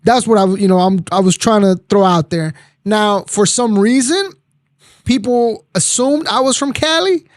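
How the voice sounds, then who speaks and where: Male, 30s, Spanish speaker, high-pitched, dry close sound, casual and argumentative slang. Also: moderate pace, no echo. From Texas, born in Mexico. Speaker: podcast guest. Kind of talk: casual interview talk.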